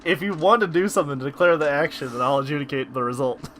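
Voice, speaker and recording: A man's voice: fairly high pitch, quick pace, fairly bright tone. A man running a tabletop game as game master over voice chat, explaining rules patiently and laughing often. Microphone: online voice chat.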